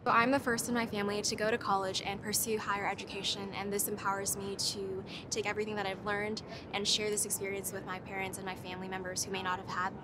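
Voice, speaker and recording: A woman's voice: mid-range voice, level tone, fast, hardly any pauses, noisy background. A young woman who is a graduate student gives an eager interview testimonial outdoors. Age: young adult. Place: outdoors among greenery.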